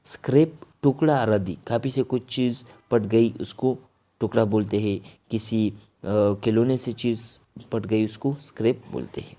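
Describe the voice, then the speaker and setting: A man's voice: on the low side, dark tone. A man with a Pakistani accent teaching a vocabulary lesson. He says each word, then explains its meaning.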